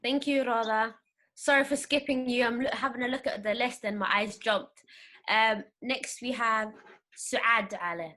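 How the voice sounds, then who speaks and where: A woman moderating an online panel on a video call, introducing each speaker briskly. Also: fairly high pitch, steady tone, sharp tone.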